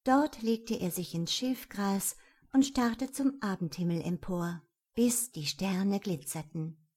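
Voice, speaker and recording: A woman's voice: medium pitch, takes it slowly. Woman reading a fairy tale aloud. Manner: lively storytelling, voices the characters.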